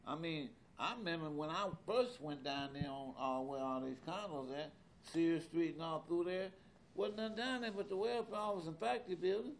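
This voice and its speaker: A man in his seventies in a casual conversation as an interviewee, animated and repetitive, with loose colloquial speech. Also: a little high, normal speed, a little hiss or hum. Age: 70s. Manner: animated, repeats words, loose colloquial grammar.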